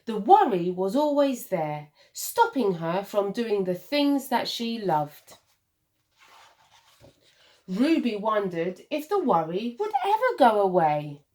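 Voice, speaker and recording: Like a primary teacher sharing a picture book with little ones, this woman reads expressively, pausing dramatically on purpose and stressing words for effect. She speaks at a medium pitch, very animated, with a darkish tone.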